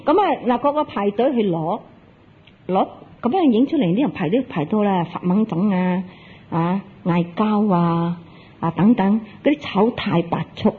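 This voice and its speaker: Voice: mid-range voice, normal speed, breathy edge. A Buddhist teacher giving a Dharma talk, telling a Zen story, acting out its dialogue and putting questions to the audience. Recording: tinny, lo-fi phone-like recording.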